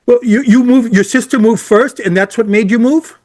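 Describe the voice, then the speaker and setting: A man's voice: extremely high pitch, moderate pace, a little mellow. A man hosting a podcast interview, friendly and laughing often, with frequent stumbles and restarts. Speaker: podcast host. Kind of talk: casual interview.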